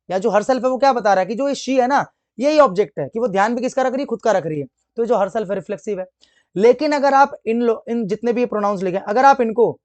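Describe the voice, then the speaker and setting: A man teaching an English grammar lesson online. He keeps asking the class questions and answering them himself, and he reads the English example sentences slowly. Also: very high voice, darkish tone, dry recording. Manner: asks and answers his own questions.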